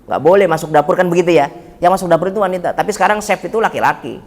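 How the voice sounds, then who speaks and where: A man's voice: high voice, very fast. A man, preaching a humorous sermon in a mosque and joking with the congregation. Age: 40s. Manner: joking, talks straight to the congregation. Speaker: Islamic preacher.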